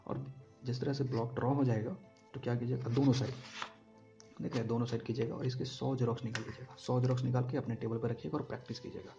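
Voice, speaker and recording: A man's voice: mid-range voice, gravelly, dull audio. A man teaching exam vocabulary, explaining words and often checking that listeners follow along.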